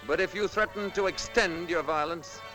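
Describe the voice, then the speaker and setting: A man's voice: sits high, normal speed, natural voice, poor audio. A man playing a stern alien visitor in an old science fiction film, speaking in solemn, formal threats. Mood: stern warning. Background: loud music.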